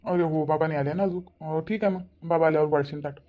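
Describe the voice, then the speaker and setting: A woman voicing a teasing, always-hungry elderly village father-in-law in a cartoon, with a low husky voice. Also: fast talker, dull audio, close to an everyday voice. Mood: impatient. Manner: teasing, chuckling. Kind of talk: cartoon voice acting.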